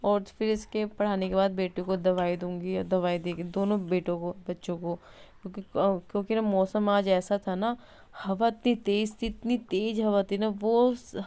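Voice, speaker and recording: A woman's voice: mid-range voice, mellow, smooth. A young woman chatting casually in a home vlog at night, rambling with fillers and self-corrections as she talks about her children. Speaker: vlogger and mother.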